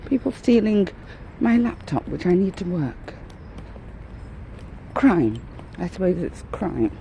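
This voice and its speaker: A woman's voice: on the low side, very animated, slow pace, vocal fry, dark tone, slight background noise, rough recording. A woman vlogging while out walking, out of breath, talking in a rambling, candid and wry way. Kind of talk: casual walking monologue. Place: outdoors, walking dogs. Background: faint outdoor ambience.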